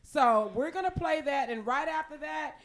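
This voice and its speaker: Lively woman radio host, high voice, shouting out viewers, chatty. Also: moderate pace. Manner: upbeat, shouts out viewers by name. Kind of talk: casual live show hosting.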